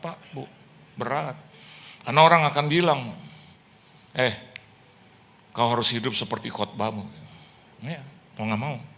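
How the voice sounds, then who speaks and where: Man pastor in church, bright voice, lively storyteller acting out scenes. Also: medium pitch, a little hiss or hum. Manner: lively storytelling with jokes and acted-out dialogue. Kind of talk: sermon.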